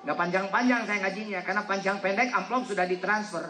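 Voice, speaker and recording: A man's voice: high voice, quick pace, background noise. A man from West Java, giving a humorous sermon and teasing the congregation into answering back. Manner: joking, teasing the audience, asking it to answer back. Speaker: preacher. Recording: echoey hall with faint crowd.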